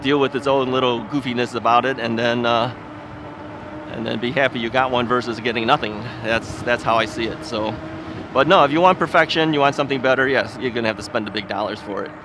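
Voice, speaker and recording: A man from the United States rides a city street while hosting a loose ebike vlog, full of folksy rambling, filler words, and frequent chuckles. He speaks fairly quickly in a mid-range voice, over traffic and street noise picked up outdoors.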